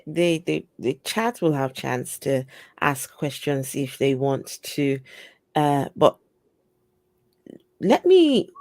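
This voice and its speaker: A woman from Africa hosting a casual interview chat, talking in a slow, reflective way with many fillers. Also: lowish voice, vocal fry, a little mellow, no room sound, studio quality. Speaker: host.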